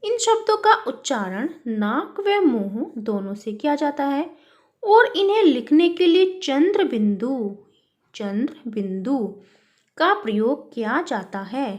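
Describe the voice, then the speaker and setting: A woman's voice: high-pitched, lively intonation, slow pace, muffled recording. A woman teaching a children's worksheet lesson. She calls the pupils "beta" and asks and answers her own questions.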